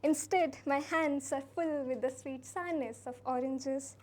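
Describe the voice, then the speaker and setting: A young woman with a high, light voice reads her slam poem gently and earnestly. She is from India and takes her time, letting each line land softly at a college poetry event. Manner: soft, earnest, unhurried delivery. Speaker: slam poet. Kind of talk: spoken word poetry performance.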